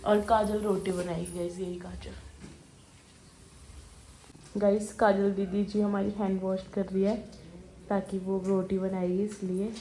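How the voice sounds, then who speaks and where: A woman's voice: medium pitch, level tone, unhurried, pauses often, mellow, a little hiss or hum. A woman hosting a casual home vlog, talking chattily to her viewers and laughing at her own slips. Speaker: vlogger host. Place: home, indoors.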